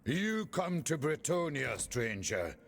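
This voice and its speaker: A regal, haughty king in a video game. He declaims slowly with a deep creak and wide swings of pitch, proud and stern, over faint noise. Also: big pitch swings, a bit bright, heavily acted. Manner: stately, declamatory, slow. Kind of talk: video game diplomacy lines.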